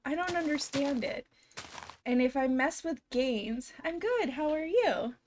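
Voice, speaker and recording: A young woman game streamer speaks slowly in a high, animated, slightly mellow voice that's hoarse, a little scratchy and froggy, as she recovers from illness. Chatty and giggly, she talks to her chat during a casual live stream. The audio is from a desk microphone.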